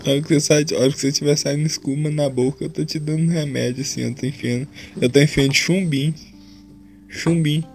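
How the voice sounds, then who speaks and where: Man, gravelly voice pitched a bit high, joking and teasing in casual chat. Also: steady tone, fast talker, soft background music.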